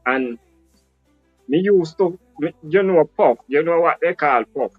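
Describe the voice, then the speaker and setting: A man's voice: a little high, a little slow, breathy edge, no echo. A man with a Jamaican accent, telling his life story as a guest in a casual patois style and often asking "you understand?". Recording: dull lo-fi call audio with faint music.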